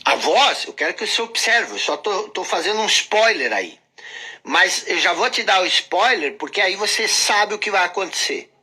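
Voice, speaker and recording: A man's voice: high-pitched, animated, normal speed, pushed and bright, husky. A man giving a motivational self-help lesson. He speaks emphatically, repeats his phrases and addresses the listener directly. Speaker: teacher of a self-help course.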